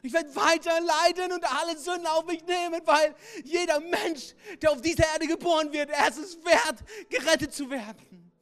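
A man's voice: very high voice, fairly even intonation, moderate pace, few pauses, fairly bright tone, pitched above the performer's own voice. A man voicing a suffering, steadfast savior, speaking in a raised, fervent way. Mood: fervent resolve.

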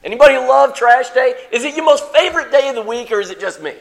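A man preaching to his congregation in a playful, animated way. His voice sits high for a man. He drops to soft asides, then bursts out with excitement. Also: fast talker, vocal fry. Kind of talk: sermon.

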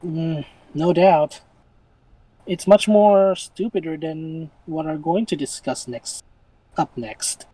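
Mellow-voiced man in casual podcast chat. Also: fairly high pitch, slow pace, dry recording, poor audio. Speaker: podcast co-host.

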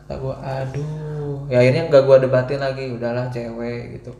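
A man chatting casually, telling an anecdote in a relaxed, offhand way. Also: medium pitch, brisk. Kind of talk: casual chat. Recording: echoey room.

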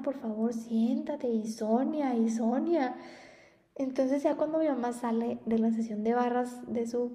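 A young woman with a Mexican Spanish accent tells stories on her podcast in a chatty, laughing way. Her voice sits a little high but sounds mellow and soft. The recording has a noticeable room echo. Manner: chatty, warm storytelling with frequent laughs. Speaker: podcast host and spiritual therapist. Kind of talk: casual spoken monologue.

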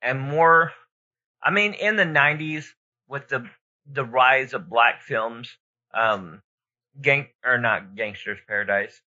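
A man's voice: medium pitch, slow, pushed and bright. A man co-hosting a podcast in casual, informal chat, rambling and thinking aloud as he gives his opinions. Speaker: podcast co-host. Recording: dull lo-fi audio.

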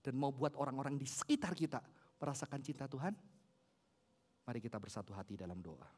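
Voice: mid-range voice, fairly quick, slight background noise. Pastor preaching with soaring emotional swings. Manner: swings from hushed intimate tones to loud emotional climaxes; earnest, mixing formal address with casual slang. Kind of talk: sermon and prayer.

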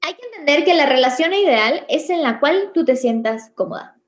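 A woman's voice: high voice, moderate pace, roomy sound. A young woman, chatting frankly and animatedly as a podcast co-host. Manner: frank, animated, uses many fillers. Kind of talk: casual chat.

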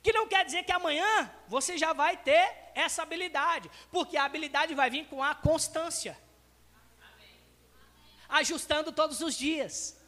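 A man's voice: very high-pitched, moderate pace, pushed and bright. A male pastor preaching a sermon to his congregation, talking to them directly and acting out everyday scenes. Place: church sanctuary. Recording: long reverb of a church hall.

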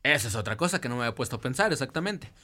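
A man's voice: medium pitch, lively intonation, very fast, pushed and bright. A man with a Mexican accent co-hosting a casual football talk show, talking with many fillers and hesitations. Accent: Mexican Spanish. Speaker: sports show co-host.

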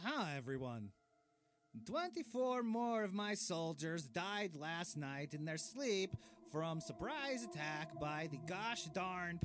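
Brief: smug, oblivious tyrant king, voiced by a man, slow and high-pitched for a man, reading a diary with pompous deadpan delivery. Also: full character voice. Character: vain, oblivious, cruel male dictator king. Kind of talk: comedic diary narration.

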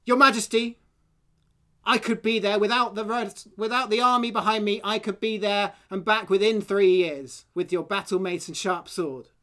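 A woman's voice: mid-range voice, steady tone, normal speed, fairly bright tone, natural voice. Woman as cocky young soldier in a folk tale. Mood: boastful. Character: boastful young male soldier.

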